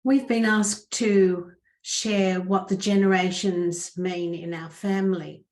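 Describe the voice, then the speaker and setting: A woman's voice: medium pitch, steady tone, takes it slowly, darkish tone. A middle-aged woman, a church member and mother giving a prepared, earnest talk about her family's faith.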